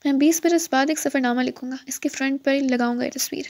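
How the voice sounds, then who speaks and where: A woman's voice: high voice, steady tone, a little mellow. A woman voicing a tall, charming foreign male mountain climber with a playful, dryly teasing manner, in an audiobook.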